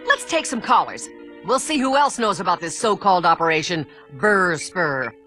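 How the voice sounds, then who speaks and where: A woman's voice: lowish voice, lively intonation, moderate pace, fairly bright tone. A woman voicing a showy female bee talk show host who probes and teases her guest in a video game cutscene. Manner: probing, teasing interviewer. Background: music.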